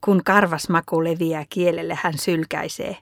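A woman narrating a children's story in a calm, even reading voice. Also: fairly low pitch, gravelly, dry recording.

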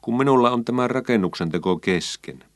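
A man's voice: mid-range voice, animated, no echo, clean studio sound, voice pushed up, lightly acted. A man voicing a stubborn, sulky young boy in a children's story. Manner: sulky, reluctant.

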